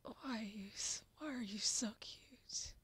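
A young woman whispering softly in an ASMR roleplay, shy and flustered, stammering and giggling. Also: a little high, a little slow, breathy edge. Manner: soft whispering. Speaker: ASMR performer.

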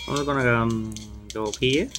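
A man's voice: medium pitch, fairly even intonation, normal speed, music in the background. A man giving casual, crude, joking commentary while playing a video game, swearing freely. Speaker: let's play gamer.

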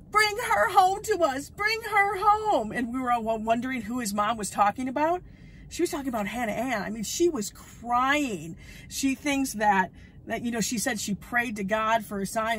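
A woman vlogger in casual chat, gushing and chatty, often breaking into excited exclamations. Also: a little high, slight background noise, low-quality recording. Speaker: vlogger recapping a reality show.

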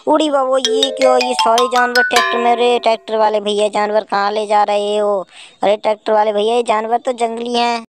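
A woman with a somewhat high voice narrates toy play for children in a playful singsong. She keeps exclaiming and gently scolding the toys as she goes. Loud music plays behind her the whole time. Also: level tone, fairly quick.

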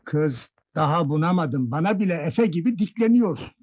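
An actor playing an older man, a gruff father giving fatherly advice to his son and daughter-in-law, in old film acting. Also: fairly high pitch, lively intonation, normal speed, a little mellow. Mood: advising. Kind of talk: 1960s Turkish film acting.

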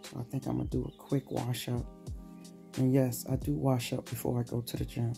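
A woman's voice: very deep voice, little pitch movement, brisk, gravelly, mellow, faint music behind. A woman in her forties filming a casual vlog at home on a phone held at arm's length, chatting to the camera as she gets ready. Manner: chatty, self-motivating, talks to the camera while doing chores. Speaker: vlogger. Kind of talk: casual self-filmed vlog. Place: home, bedroom then kitchen.

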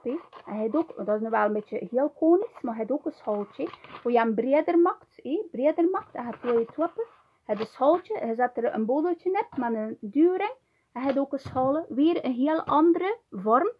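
A woman's voice: high voice, highs cut off. Chatty Flemish woman teaching pottery. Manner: chatty, tags nearly every sentence with "hè". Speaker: ceramics teacher. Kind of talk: hands-on pottery tutorial.

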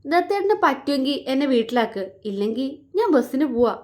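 A woman voicing a tearful young woman who clings to her beloved, speaking in a halting, sobbing voice. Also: high-pitched, very animated, darkish tone, voice pushed up. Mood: stern. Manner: sobbing, halting, repeating words.

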